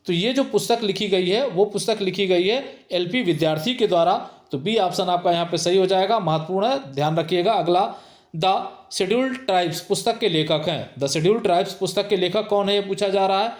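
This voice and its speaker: A man with a high, light voice teaches an exam-prep lecture, reading each multiple-choice question aloud twice and then stressing the correct option. He sounds middle-aged, and his voice rings in a roomy, echoing space. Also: moderate pace. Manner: reads each question twice, then gives the answer with emphatic repetition. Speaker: sociology teacher.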